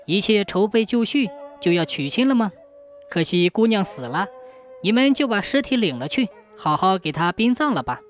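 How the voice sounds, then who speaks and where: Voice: medium pitch, very animated, moderate pace, faint music behind, close to an everyday voice. A storyteller voicing a stern, clever old county magistrate who mocks and commands. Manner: sharp, mocking, commanding.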